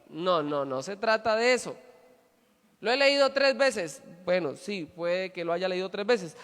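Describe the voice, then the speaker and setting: A man's voice: sits high, fairly bright tone, long reverb tail. A man preaching as a pastor, putting questions to the congregation and answering them himself, repeating his points with emphasis. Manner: emphatic repetition. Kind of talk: sermon.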